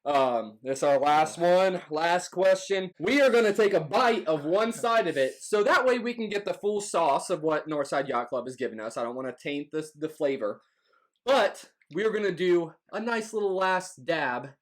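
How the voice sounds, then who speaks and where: A man's voice: a little high, animated, moderate pace. A man hosting a casual challenge vlog, talking informally and repeating phrases for emphasis. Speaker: host of a hot wings challenge.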